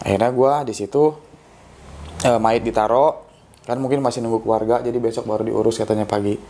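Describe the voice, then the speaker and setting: A young man with telling a ghost story in a casual, loose way, often pausing with hesitations. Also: medium pitch, fairly even intonation, dark tone, slight background noise. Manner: loose and rambling, with frequent hesitations. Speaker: guest storyteller.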